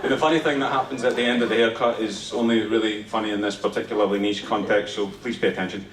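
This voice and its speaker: Scottish comedian on a roomy live stage. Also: male voice, fairly low pitch, fairly even intonation, fast talker, a crowd in the background. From Scotland. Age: 30s. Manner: conversational, swearing freely, punchy delivery. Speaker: stand-up comedian. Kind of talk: stand-up comedy set. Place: theatre stage before a laughing audience. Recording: roomy live theatre sound, mic heard from a distance, audience noise.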